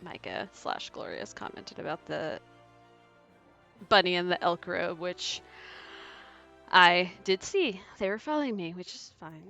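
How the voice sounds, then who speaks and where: A woman's voice: on the low side, very animated, creaky, sharp tone, dull audio, faint music behind. A woman chatting casually and playfully while she streams a game at home. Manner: playful, chatty, quick to laugh. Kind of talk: casual let's-play commentary. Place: home, with her cat. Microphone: desk microphone.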